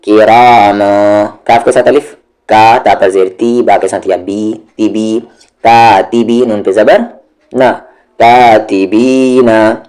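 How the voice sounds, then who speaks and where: A man leads a step-by-step tajweed lesson, his voice sitting low. He talks very slowly, stretching each syllable as he drills it with patience. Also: fairly even intonation, darkish tone. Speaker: Quran recitation teacher.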